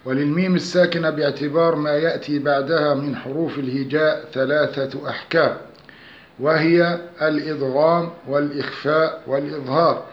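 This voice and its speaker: Man, higher-pitched voice, measured lesson delivery, dull echoey recording. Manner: measured, slows to recite examples with nasal humming. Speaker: tajweed teacher. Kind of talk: scripted lesson reading.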